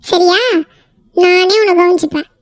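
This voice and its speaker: Woman voicing shrill catty cartoon bullies. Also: steady tone, unhurried, dry recording, clean studio sound. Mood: taunting. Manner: taunting, threatening. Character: scheming catty young women bullies.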